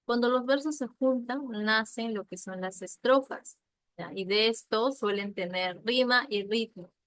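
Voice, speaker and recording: A woman's voice: on the high side, a little slow, fairly bright tone, no echo, rough recording. A woman teaching a literature lesson, explaining patiently with examples and often checking in with a questioning "ya?".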